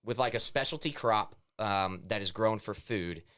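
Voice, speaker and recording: A man's voice: on the low side, moderate pace, bright, forceful tone, smooth. A young man from Missouri, co-hosting a casual podcast and laying out his views on farming at length. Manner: opinionated, explains at length. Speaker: podcast co-host. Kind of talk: casual chat.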